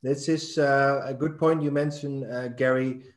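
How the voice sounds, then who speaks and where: A man's voice: mid-range voice, fairly even intonation, measured pace, roomy sound. A middle-aged man hosting a live online talk show over a video call, with many fillers and repeated words. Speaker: host. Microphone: webcam on video call.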